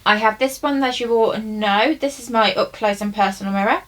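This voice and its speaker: A woman's voice: on the high side, normal speed. A young woman giving a casual, rambling tour of her makeup storage at home, with loose fillers. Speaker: beauty vlogger. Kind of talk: casual room tour chat. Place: bedroom at home. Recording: slightly distant, faint hiss.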